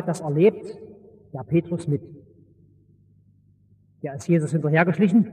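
A man preaching a sermon, retelling a Bible story in a vivid, colloquial way and swinging between loud and hushed. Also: sits high. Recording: long reverb of a large hall.

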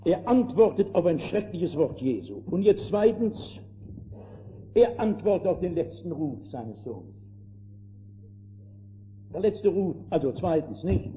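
An older man preaches fervently, his voice sitting a little high yet very dark and mellow. He drops to hushed tones and rises to emphatic calls to his friends. The old recording is dull and lo-fi with a faint hiss underneath. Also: big pitch swings, unhurried, long pauses. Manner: fervent, addresses listeners as friends, swings between hushed and emphatic. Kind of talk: sermon.

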